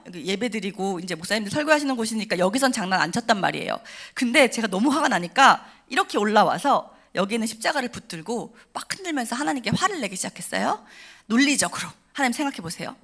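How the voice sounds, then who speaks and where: A woman telling an emotional personal story at a church service, animated and acting out the voices of the people in it. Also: medium pitch, fast. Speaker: testimony speaker at a church service. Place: church sanctuary.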